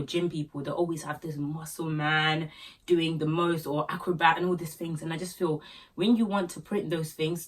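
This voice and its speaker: She has a deep voice and a Nigerian Yoruba accent, chatting to camera as a small business owner and vlogger. Her business tips come with jokey asides and fillers, and the mic is distant.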